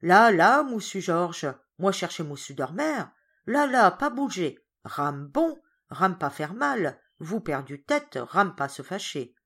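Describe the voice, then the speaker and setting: A woman voicing a gentle, bewildered male servant who speaks slowly in simplified broken phrases. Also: a little high, lively intonation, slightly rough, pitched above the performer's own voice, full character voice. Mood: soothing. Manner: slow, soothing, simplified speech.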